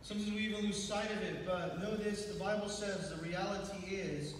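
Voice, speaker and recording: A man's voice: high voice, fairly even intonation, brisk. A man preaching a sermon in a large church auditorium, heard through the PA from far across the room with an earnest preaching cadence. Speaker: pastor. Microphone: far from the recording phone, through the PA. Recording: echoey hall from far off, crowd noise.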